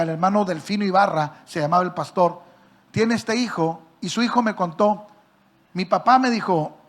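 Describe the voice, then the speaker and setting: A male pastor, preaching by telling a story and questioning his listeners directly, acting out the people in it with sudden loud and soft swings. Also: high voice. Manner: acts out quoted voices with big swings in loudness. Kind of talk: sermon storytelling.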